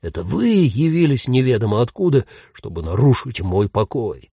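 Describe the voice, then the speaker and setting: A man doing a grumpy, gravelly house ghost. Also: medium pitch, big pitch swings, moderate pace, mellow, no room sound, studio quality, exaggerated voice. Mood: snapping. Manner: wails reproachfully and snaps back. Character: grumpy male house ghost, reproachful, howling.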